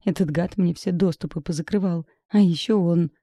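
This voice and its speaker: A woman voicing a brash, tipsy middle-aged female friend in an audiobook, loud and whiny. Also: lowish voice, moderate pace, no room sound, studio quality. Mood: tipsy complaining. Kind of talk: audiobook character voice.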